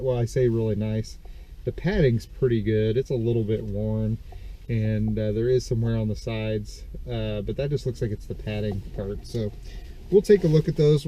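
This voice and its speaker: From his parked car, with the camera set on the steering wheel, a man walks through a haul of estate sale reseller finds. His medium-pitched voice is dark and stuffed up from a dust allergy, full of ums and second tries. There's a little hiss or hum in the audio.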